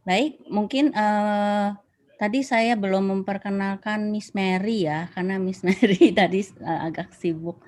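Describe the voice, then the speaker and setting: A woman's voice: mid-range voice, measured pace, darkish tone. A woman moderating a webinar who politely hands the floor to panelists and asks parents for questions.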